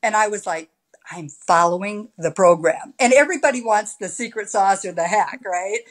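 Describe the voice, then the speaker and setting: A woman in her sixties, a podcast guest, telling her story in a lively, animated way over a video call from a room at home. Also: mid-range voice, normal speed. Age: 60s. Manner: animated storyteller with big hand gestures. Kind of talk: casual interview chat. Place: home room with high ceiling. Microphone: laptop webcam on a video call.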